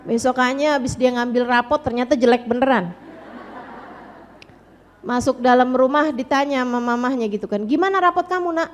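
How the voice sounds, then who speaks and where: A woman's voice: fairly high pitch, fairly even intonation, moderate pace, long pauses, slight background noise. A woman preacher giving an emphatic sermon to mothers, repeating lines for stress and acting out what parents say. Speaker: Islamic preacher.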